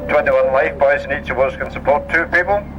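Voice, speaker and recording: A man's voice: mid-range voice, a little fast, lo-fi sound, a crowd in the background, background noise. A Scottish man giving a joking safety briefing and tour commentary as a ship tannoy announcement. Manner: dry, joking patter. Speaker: tour boat crewman.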